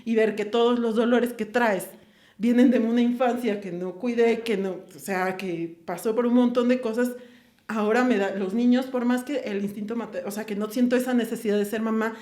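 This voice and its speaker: Young woman, mexican spanish accent, fairly high voice, candid confessional chat, echoey room. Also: steady tone, normal speed, warm tone. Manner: candid, confessional, lots of fillers and quoted inner speech. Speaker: podcast host. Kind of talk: casual conversation.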